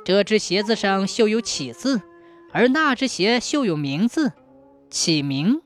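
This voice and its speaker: A woman telling a dramatic folk tale as a storyteller, in an expressive way. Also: a little slow, soft background music. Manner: expressive, sweeping pitch.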